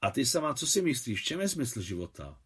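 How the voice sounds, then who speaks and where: A man's voice: medium pitch, very animated, fairly bright tone, husky, heavily acted. A man reading the lines of a middle-aged woman who speaks hesitantly with a touch of wry teasing, his voice lifted only slightly. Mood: unsure.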